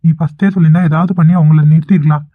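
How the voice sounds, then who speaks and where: A man's voice: on the high side, fairly even intonation, racing, no echo, lightly acted. A man voicing an earnest, caring young husband in a cartoon. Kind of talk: cartoon voice acting. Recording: thin phone-like recording.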